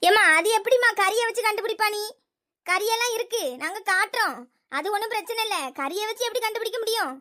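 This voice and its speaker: A woman's voice: very high voice, fast talker, pushed and bright. A woman playing a bossy village woman who scolds and haggles over a stolen hen, with a Thoothukudi Tamil accent. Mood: questioning.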